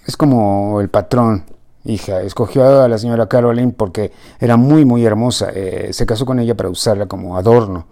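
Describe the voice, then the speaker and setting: A plain-spoken middle-aged mother, played by a man narrating a novel, speaking bluntly and colloquially. The voice sits low and dark with a relaxed, mellow tone. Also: normal speed, close to an everyday voice. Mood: explaining.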